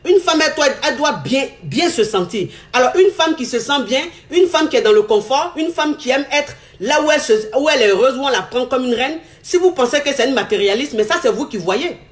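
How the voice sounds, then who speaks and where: A woman delivers a lecturing monologue aimed at other women. She scolds and repeats her points, pressing each one with rhetorical questions. Her voice sits a little high. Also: expressive, brisk, hardly any pauses.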